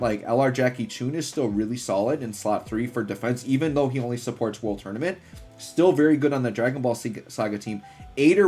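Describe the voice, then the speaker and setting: Excited, rambling male gaming commentator. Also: mid-range voice, breathy edge. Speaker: gaming video host. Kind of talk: gameplay commentary, casual hype chat. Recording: music behind the voice. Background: music.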